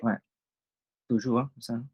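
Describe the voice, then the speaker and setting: A man's voice: mid-range voice, little pitch movement, measured pace, darkish tone, husky, lo-fi sound. A man with a non-native accent leading an informal Bible study, explaining step by step and often checking that his listeners follow.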